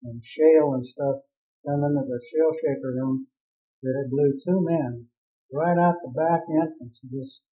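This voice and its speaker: A man's voice: on the high side, fairly even intonation, moderate pace. A man who captained a drilling ship, telling a vivid, rambling story in an oral history interview. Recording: tinny phone-like audio.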